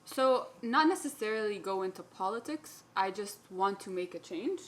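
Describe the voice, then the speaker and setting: A woman's voice: medium pitch, expressive, moderate pace. A young woman, a student from the UAE, chatting casually as a podcast guest and laughing often. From Palestinian, grew up in the UAE. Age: young adult. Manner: giggly, laughs often while talking. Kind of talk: casual chat.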